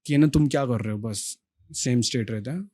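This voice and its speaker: This is a young man speaking as a podcast guest, casual and earnest. His voice sits at a middle pitch. He rambles through his story, stopping and restarting as he goes. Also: a little fast, warm tone.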